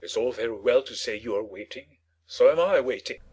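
A man's voice: medium pitch, expressive, brisk, a little mellow, husky. A man playing a blustering, self-pitying father in a dramatized storybook reading, with a theatrical, indignant and emphatic delivery. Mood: indignant, sulky.

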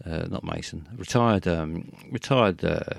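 A man hosts a call-in radio show with a low, gravelly voice. He wanders from thought to thought, stalling on fillers and restarting his sentences. The sound is dry and close to the mic. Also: no echo. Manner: meandering, halting, many fillers and restarts. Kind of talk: rambling one-man call-in chat.

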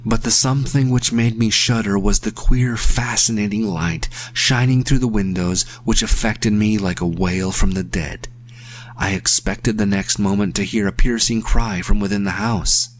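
A man narrates a ghostly tale in a measured, hushed way. His voice sits a little low, and a faint hum lies under the reading. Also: fairly even intonation. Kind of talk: scripted narration of a story.

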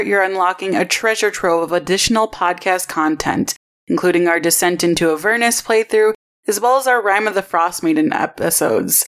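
A woman with a creaky voice reading scripted announcements and story recaps as a podcast host. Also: on the low side, a bit bright.

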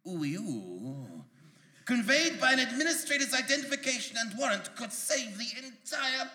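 An actor playing a grandiose, bumbling bureau administrator who fancies himself a hero, in a live comedic audio drama. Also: male voice, extremely high pitch, big pitch swings, moderate pace, sharp tone, heavily acted. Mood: pompous. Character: pompous heroic male bureau administrator. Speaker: comedy stage performer. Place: live performance venue. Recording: echoey live venue.

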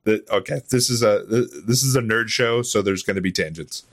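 In a relaxed interview chat, this man, an audio drama writer and voice actor appearing as a podcast guest, rambles along with self-deprecating chuckles. His pitch is fairly low and his pace moderate, and the studio-quality audio has no echo.

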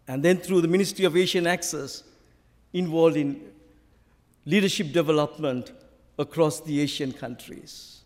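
Preaching to a congregation in a big church hall, a man with a Sri Lankan accent, the visiting preacher, weaves stories and scripture into his sermon. His fairly high, slightly mellow voice is emphatic and deliberate, carried with reverb through the church PA.

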